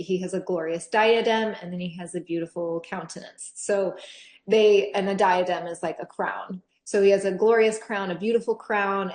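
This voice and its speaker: Chatty woman teaching in an echoey room. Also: mid-range voice. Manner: chatty, animated, laughs often, lots of fillers. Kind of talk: scripture class teaching.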